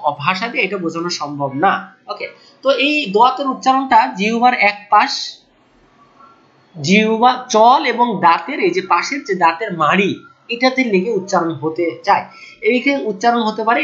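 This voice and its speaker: A male Quran teacher gives an online tajweed lesson at a measured pace. He drills each letter sound slowly and more than once, and fills the gaps with a steady "okay". The recording sounds a little dull and lo-fi. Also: high voice. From Bangladesh. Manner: patient, repeats sounds slowly and says "okay" often.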